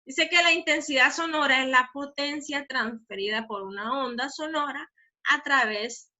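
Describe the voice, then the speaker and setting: Bright-voiced woman teaching a physics lesson. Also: high-pitched. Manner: explanatory, often asks "¿verdad?" to check understanding; says she talks fast.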